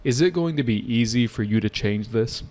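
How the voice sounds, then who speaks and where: A man's voice: mid-range voice, expressive, fairly quick, darkish tone. A man teaching an IELTS class live online, casual and often checking with his students. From United States. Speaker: IELTS tutor.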